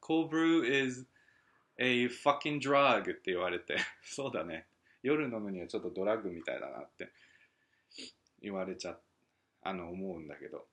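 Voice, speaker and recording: A man hosting a casual solo podcast at home at night, rambling and musing aloud as he reads listener mail, with soft chuckles. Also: low voice, brisk, pauses often. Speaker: podcast host.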